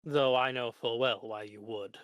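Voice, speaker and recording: Calm, formal lich professor in a metal mask played by a man, tabletop game; mid-pitched, instructive, very dry recording. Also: normal speed, smooth, dry recording, close to an everyday voice. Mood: instructive, reassuring.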